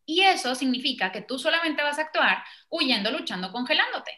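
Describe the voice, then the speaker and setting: Woman, parenting expert; high, bright voice, animated explainer. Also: fairly quick. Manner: animated, acts out children and parents in quoted voices. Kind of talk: explanatory conversation.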